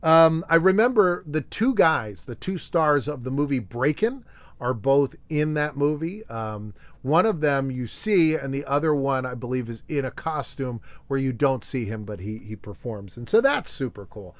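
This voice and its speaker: A man's voice: mid-range voice, expressive, moderate pace, dry recording. A man hosting an unscripted show-and-tell, rambling nostalgically with fillers and chuckles. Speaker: host.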